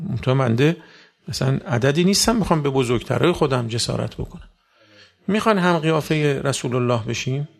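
A man delivers a sermon to a gathered congregation, his voice gravelly and of middling pitch. He leans on rhetorical questions and swings from hushed asides to sudden loud, high bursts. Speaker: preacher. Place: religious gathering with audience.

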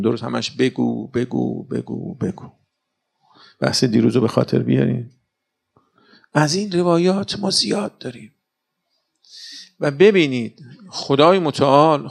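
Gravelly-voiced man giving a sermon. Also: on the high side. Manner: keeps checking with rhetorical questions; explains step by step with everyday examples. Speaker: preacher. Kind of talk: religious lecture.

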